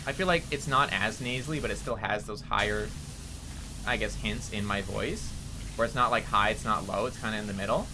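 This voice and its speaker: While gaming, a young man chats with his stream audience, rambling and responding to chat in a nasally voice. He speaks briskly on the low side, and there's noise in the background.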